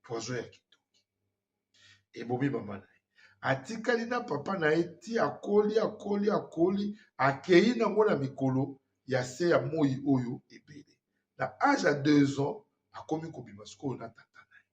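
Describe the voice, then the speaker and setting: A man's voice: a little high, animated, moderate pace. A man, hosting an earnest spiritual warning talk and mixing in French phrases. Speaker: host. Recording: dull lo-fi sound.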